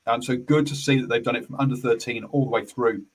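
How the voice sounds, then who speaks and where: A man's voice: medium pitch, steady tone, fast talker, low-quality recording. A man hosting a casual rugby radio chat, hesitant with many fillers and restarts. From New Zealand. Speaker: sports radio host.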